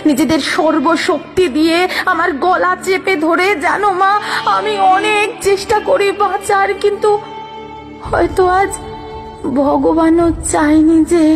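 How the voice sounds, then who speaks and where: Woman for a slow, pleading dramatic monologue, voice pitched very high. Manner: tearful, pleading, emotional delivery. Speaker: storyteller. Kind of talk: dramatic first-person monologue. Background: background music.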